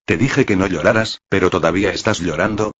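A man reading the lines of a brash, cocky young male officer in a flat storybook voice, on a dull lo-fi recording. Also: deep voice, a little fast, slightly rough.

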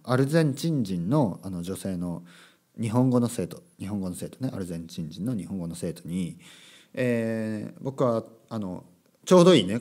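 Male Japanese podcast host, low voice with a lively melody, casual and emphatic teacher's monologue. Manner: animated, emphatic, repeats key words with tag particles. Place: lives abroad, recorded solo.

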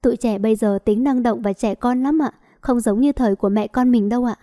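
A woman voicing a gentle soothing mother-in-law. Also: fairly high pitch, brisk, lightly acted. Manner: soft, placating.

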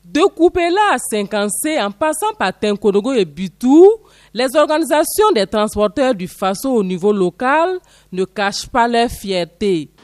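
A man's voice: very high-pitched, normal speed, no echo. A man with a Burkinabè French accent reading scripted news narration as a reporter. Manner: lively read-out voice-over.

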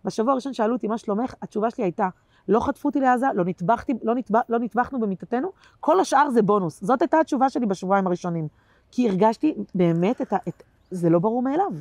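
A woman comedian chatting as a guest in an interview, telling animated stories that swing between loud bursts and quiet asides, with plenty of slangy fillers. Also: on the high side, no room sound. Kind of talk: casual interview chat.

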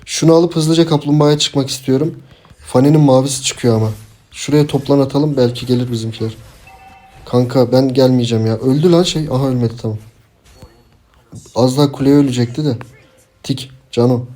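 A young man talks through a match in a mellow, warm voice at a middling pitch. His commentary is casual and chatty, with sudden frustrated outbursts and asides to his teammates. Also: fairly even intonation, a little fast, long pauses. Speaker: gameplay streamer. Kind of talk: casual live gameplay commentary.

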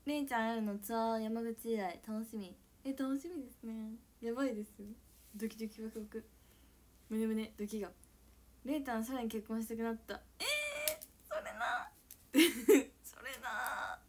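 Her slightly high voice stays steady in tone and runs a little fast as this young woman from Okayama, Japan, with an Okayama Japanese accent, chats on a live stream and reads out comments, alternating squealing shouts, giggles and soft whispers. Slight background noise is present.

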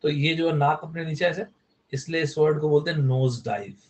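A man's voice: fairly high pitch, normal speed, a little mellow. A man giving a casual online vocabulary lesson, chatty and playful, spelling words out letter by letter. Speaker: vocabulary teacher.

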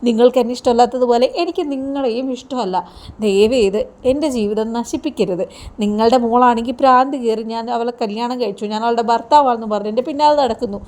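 A woman's voice: fairly high pitch, fast, darkish tone, lightly acted. A woman voicing a brusque young male thug who dismisses his new wife, in a TV serial recap. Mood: dismissive.

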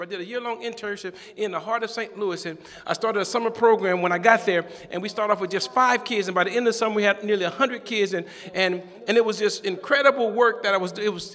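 Animated male preacher in a reverberant church. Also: sits high. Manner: animated, humorous storytelling with call-and-response. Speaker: pastor. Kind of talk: sermon. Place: church sanctuary. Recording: long church-hall reverb.

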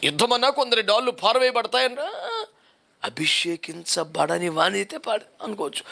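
A man's voice: on the high side, vocal fry, pushed and bright. A male pastor preaching a sermon, driving his points home with repeated rhetorical questions.

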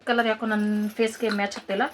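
Over loud music, a vlogger around twenty-eight talks fast and flatly in a mid-range voice, her rural Kannada accent from around Kanakapura. She jokes with viewers as friends and coos at pets while moving around her village home, indoors and out.

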